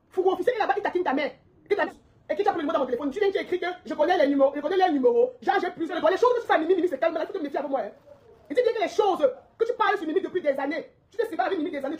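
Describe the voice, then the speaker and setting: A woman's voice: very high voice, a little mellow. A woman delivering a heated, confrontational social media rant, repeating her points and laughing mockingly.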